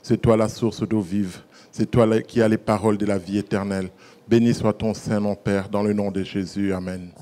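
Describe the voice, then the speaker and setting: A man's voice: fairly low pitch, little pitch movement, normal speed, mellow. A man saying a spoken prayer over the church offerings, calling out to the Lord between phrases.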